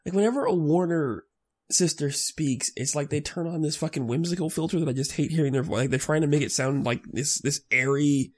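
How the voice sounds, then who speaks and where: A man's voice: fairly high pitch, fairly quick. A man co-hosting a podcast, ranting in exasperation with casual swearing. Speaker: podcast co-host. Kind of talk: casual comedic chat.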